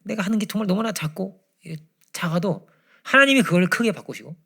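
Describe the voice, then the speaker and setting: A man preaching a Friday prayer-meeting sermon, swinging from loud emphasis to hushed near-whispers. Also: high-pitched, animated, a little fast, gravelly, slightly rough. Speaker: pastor. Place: church.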